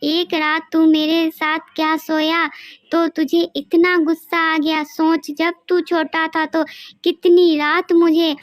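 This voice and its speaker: A woman voicing an old mother, high and slow. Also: flat delivery, dry recording. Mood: reproachful. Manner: pleading, scolding. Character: elderly mother, tender but scolding. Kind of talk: cartoon storytelling.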